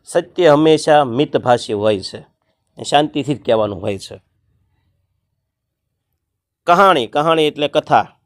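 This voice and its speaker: A man, teaching an exam-prep grammar lesson and explaining word meanings one by one, sometimes chanting a verse slowly. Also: on the high side, lively intonation, no room sound, clean studio sound.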